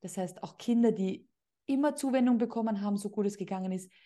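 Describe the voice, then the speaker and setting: A woman's voice: mid-range voice, fast talker, dark tone. A middle-aged woman hosting a podcast interview as a parent coach, speaking in an outspoken, emphatic way.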